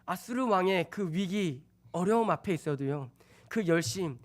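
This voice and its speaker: A young man preaching a sermon at a Friday night church service as a junior pastor. He speaks in a lively way, acts out dialogue in other voices and drops in joking asides. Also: high-pitched, moderate pace. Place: church sanctuary.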